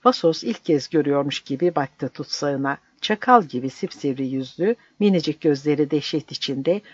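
A man's voice: on the high side, animated, normal speed, husky, dry recording. Man reading a story, dry dull sound. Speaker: narrator.

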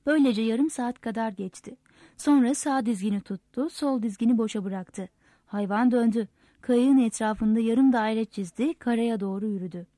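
A woman narrating a novel aloud in a steady, measured storytelling manner. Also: fairly high pitch, no room sound. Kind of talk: audiobook narration.

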